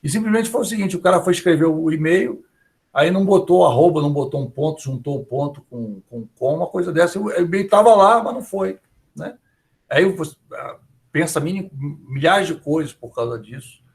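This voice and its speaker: His voice is on the high side yet gravelly, with a darkish tone, as this Brazilian Portuguese-accented university professor delivers a conversational online lecture. He often closes remarks with quick questions to his students.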